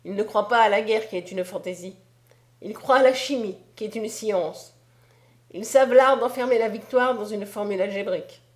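A woman's voice: medium pitch, normal speed, close to an everyday voice. A woman reading aloud as a scornful, hefty male angel prince in an audiobook, declaiming with mockery. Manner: mocking, declamatory.

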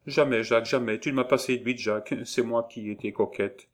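A man's voice: fairly even intonation, brisk, lightly acted. A man voicing a fretful young seamstress. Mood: pleading. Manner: high, fretful, pleading delivery. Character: timid young working-class seamstress, anxious and pleading. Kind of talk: audiobook character reading.

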